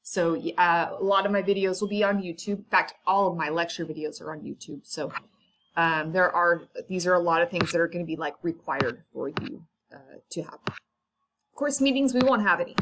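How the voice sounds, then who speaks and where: A woman's voice: fairly low pitch, steady tone, brisk, background noise. A woman college instructor walking through her course syllabus in a casual, informal way, with frequent fillers, asides and the odd cough. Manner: chatty and informal, many ums and asides. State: coughing now and then. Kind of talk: casual syllabus walkthrough lecture.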